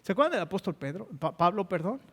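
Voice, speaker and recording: Give me a Mexican pastor delivering an emphatic sermon with a long hall echo. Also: male voice, sits high, very animated, fast, fairly bright tone. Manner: impassioned and emphatic.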